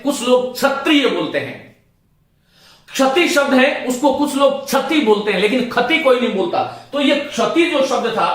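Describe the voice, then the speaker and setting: A man's voice: extremely high pitch, a bit bright. A man teaching Hindi grammar in a classroom lecture, explaining step by step and repeating his points to the students. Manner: repetitive, explaining step by step and addressing students as friends. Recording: echoey room, voice from a distance.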